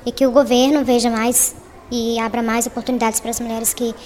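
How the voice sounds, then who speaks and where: A woman's voice: a little high, flat delivery, a little fast, a little mellow, long reverb tail, slight background noise. A woman speaking earnestly in a news interview, her voice disguised with a voice changer. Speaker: interviewee, vocational course student.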